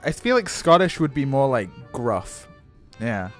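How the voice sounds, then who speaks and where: A man's voice: mid-range voice, very animated, a little slow, a bit bright. A young adult man streaming a game in casual commentary, joking and self-deprecating and laughing often. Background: faint game music.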